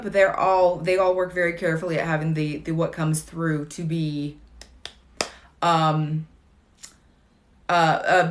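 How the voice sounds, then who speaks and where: A woman in her late thirties chatting casually on a livestream, wry and digressive with dry jokes, answering viewer questions between fillers and restarts. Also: fairly low pitch. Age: late 30s.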